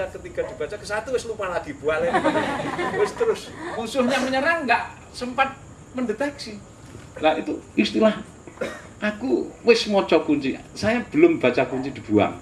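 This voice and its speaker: A man's voice: high-pitched, a little hiss or hum. An older man with a Javanese accent, teaching a sermon-style lecture as a pastor, telling stories animatedly with asides and chuckles. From Indonesia.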